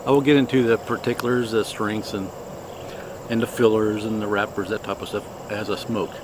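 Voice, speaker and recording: A man hosting a casual product review, talking in an unhurried, halting, plainspoken way. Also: fairly low pitch, steady tone, background noise. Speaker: cigar review host.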